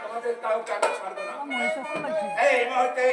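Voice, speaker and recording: Booming high-pitched warrior king, echoing stage. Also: fairly even intonation, a little fast. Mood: menacing. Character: ruthless, boastful male warrior king, vengeful and menacing. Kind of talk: Bengali jatra folk theatre stage acting. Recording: echoey open stage, distant mic, music, crowd.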